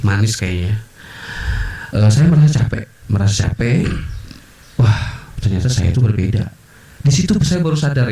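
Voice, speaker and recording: A man as a podcast guest, telling personal stories in an animated way and acting out the voices of others. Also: on the low side. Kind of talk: personal storytelling in a podcast interview. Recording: roomy, distant mic.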